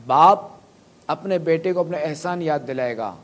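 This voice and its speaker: A man preaching a sermon, explaining Quran pronunciation through spoken examples and asking his listeners to raise their hands. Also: a little high. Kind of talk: sermon to a live audience.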